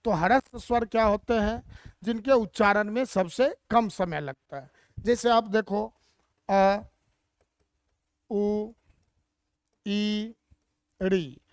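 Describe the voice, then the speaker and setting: A woman's voice: a little high, unhurried, no echo. A woman teacher explaining Hindi grammar step by step and asking rhetorical questions as she goes.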